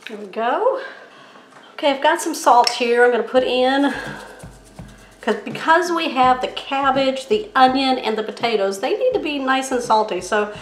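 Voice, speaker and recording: A woman's voice: sits high, lively intonation, normal speed, a little hiss or hum. A woman hosting a home cooking demonstration, talking step by step and savoring the food as she tastes it. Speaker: cooking channel host. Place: home kitchen. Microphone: camera framed on hands and countertop. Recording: roomy kitchen with faint music.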